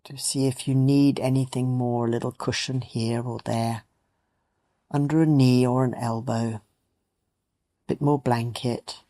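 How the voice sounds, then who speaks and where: At a meditation retreat, a teacher gently leads a guided meditation, unhurried and soothing, leaving long pauses. The voice is medium in pitch with a steady tone.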